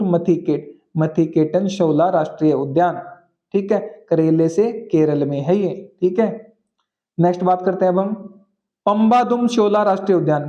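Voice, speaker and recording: Guy teaching gk tricks, highish mellow voice, kinda lo-fi sound, keeps asking if it's clear. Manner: repeats phrases slowly, checks in with "clear?". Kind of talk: exam-prep lesson with memory tricks.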